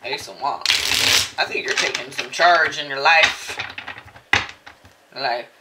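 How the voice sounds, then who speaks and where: A woman's voice: extremely low pitch, slow pace, heavy background noise. A woman chatting her way casually through a tarot reading in a rambling, playful manner, often slipping into exaggerated asides. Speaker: tarot reader.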